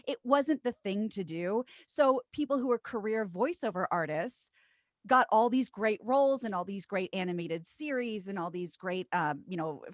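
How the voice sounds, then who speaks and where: A woman's voice: a little high, dry recording. Woman in her thirties, radio co-host, chatty, self-deprecating, trained broadcast voice, dead-dry sound. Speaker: radio co-host and voiceover artist, podcast guest. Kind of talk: casual interview chat.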